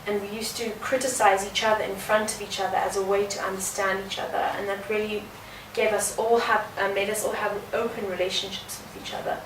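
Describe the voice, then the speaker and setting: A woman's voice: medium pitch, flat delivery. Earnest young woman. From South Africa. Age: early 20s. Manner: earnest, reflective, halting with fillers. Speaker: guest dancer. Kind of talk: conversational interview. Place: indoor art venue. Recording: roomy, distant mic, noisy background.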